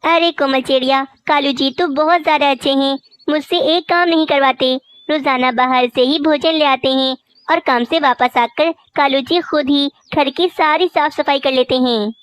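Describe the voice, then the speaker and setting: A woman voicing a lazy, bossy young female crow wife in a cartoon, sharp-tongued and scornful. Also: high-pitched, fairly even intonation, normal speed, dry recording, close to an everyday voice. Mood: sweet. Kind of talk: cartoon voice acting.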